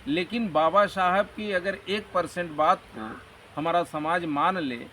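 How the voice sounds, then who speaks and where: A man with a high-pitched, sharp voice speaks at a measured pace as an interview guest, giving earnest, motivational, rambling explanations at length. The conversational interview was recorded on a distant mic with faint background noise.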